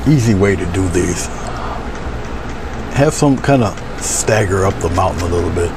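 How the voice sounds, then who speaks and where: A middle-aged man gently walking through a painting as instructor, thinking aloud in an unhurried, casual way while he works. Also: sits low, lively intonation, music in the background. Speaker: painting instructor and livestream host. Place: small indoor room with curtained window, painting at an easel.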